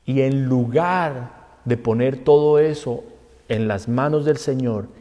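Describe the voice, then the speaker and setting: A man preaching a sermon as pastor, swinging from loud, high outbursts to hushed, low tones. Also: slow. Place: church sanctuary. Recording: long church hall reverb.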